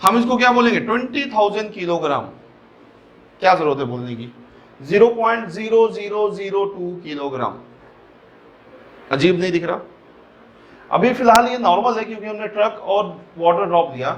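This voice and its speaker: A man's voice: high voice, lively intonation, moderate pace, long pauses, a little hiss or hum. A man with a Hyderabadi Hindi accent teaching physics, explaining step by step, mixing in English terms and asking the class questions as he goes. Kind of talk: classroom lecture.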